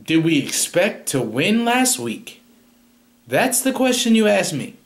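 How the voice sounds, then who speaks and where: Cocky young man in a lively mock press conference. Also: high voice, measured pace. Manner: cocky, defensive, rambling answers. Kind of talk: comedic parody press conference. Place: small room indoors. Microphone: large studio microphone close up.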